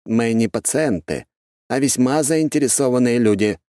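A male audiobook reader voicing a loyal, blunt male investigator with lively, emphatic delivery. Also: medium pitch, normal speed, no room sound, clean studio sound, pitched above the performer's own voice, close to an everyday voice. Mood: deferential. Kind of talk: audiobook character voice.

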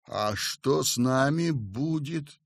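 A man's voice: medium pitch, slow pace, no room sound, studio quality. A man voicing a feverish young man in a sickbed, his voice thin and cracked. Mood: weak. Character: weak feverish young man, sick in bed.

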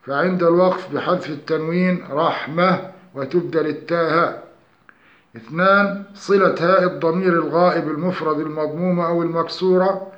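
A male teacher with a slightly high voice gives a structured lesson on recitation rules, explaining them point by point in a calm, methodical way. He slows down to recite examples. The lo-fi recording sounds dull, and the room echoes.

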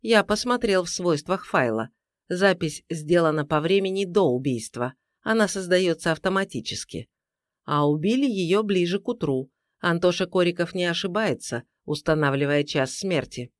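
Narrator as a calm lead detective, firm and measured, lively intonation. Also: male voice, high voice, no room sound, studio quality. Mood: level. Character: composed senior male investigator in charge.

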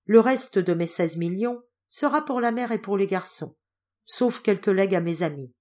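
A woman's voice: medium pitch, animated, moderate pace, darkish tone, natural voice. A woman reading an audiobook, voicing an old general who is a loving, blustering grandfather, in a raised, hearty voice. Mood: grand.

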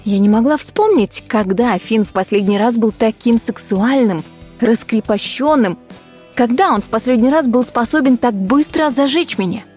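A woman narrating a first-person romance novel in an expressive, dramatic reading. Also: on the high side, normal speed, faint music behind. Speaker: audiobook narrator.

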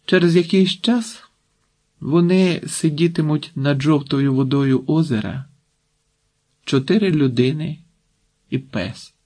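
A man reading a literary audiobook in a calm, measured narrating voice. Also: fairly high pitch.

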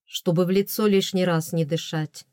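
A woman voicing an ardent, eager adult prince, speaking slowly and emphatically, a little louder than her narration. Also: on the low side, fairly even intonation, no echo, studio quality, natural voice. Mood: wry.

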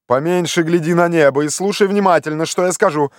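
Man doing an obsessed gentleman, high excited shouts, commanding, dry studio audiobook. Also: fairly quick, no echo, natural voice. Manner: shouting orders eagerly. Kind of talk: audiobook character voice.

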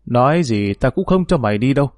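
A man's voice: mid-range voice, animated, brisk, a little mellow, dry recording, studio quality, natural voice. A man voicing a harsh, bullying older mother-in-law who scolds and threatens. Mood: scolding.

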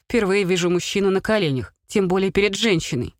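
A woman's voice: mid-range voice, fairly quick, no room sound, studio quality, close to an everyday voice. A woman voicing a noble male phoenix general who speaks courteously. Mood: courtly.

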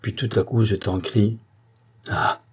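A man reading a classic novel aloud in a measured, literary narration. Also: fairly low pitch, fairly even intonation, mellow, slightly rough. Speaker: audiobook narrator. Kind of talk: scripted narration.

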